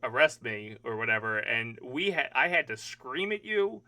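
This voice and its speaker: A man's voice: medium pitch, very animated, moderate pace, pushed and bright. A young man hosting a podcast, chatting casually, cursing now and then and trailing off mid-question. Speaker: podcast host.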